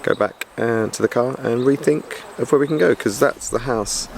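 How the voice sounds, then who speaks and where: A man's voice: mid-range voice, normal speed, creaky, a little hiss or hum. A man chatting casually on a travel vlog, laughing at himself, filmed outdoors and in a car. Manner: chatty, self-mocking, laughs often. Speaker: vlogger.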